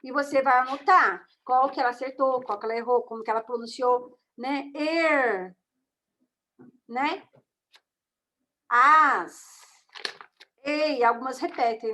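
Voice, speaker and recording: Woman, Brazilian Portuguese accent, high voice, online course lecture, chatty and explanatory. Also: steady tone, brisk, few pauses, fairly bright tone. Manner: conversational, with frequent tag questions to the class. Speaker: teacher of a course on reading and writing assessment. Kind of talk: online lecture walking through slides.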